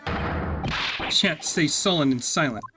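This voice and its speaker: A man's voice: a little high, lively intonation, slow. A man voicing a theatrical, jittery Japanese poet held in prison, who talks in florid alliteration. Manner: florid, alliterative, dramatic declaiming. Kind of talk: reading game dialogue aloud. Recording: game music playing behind.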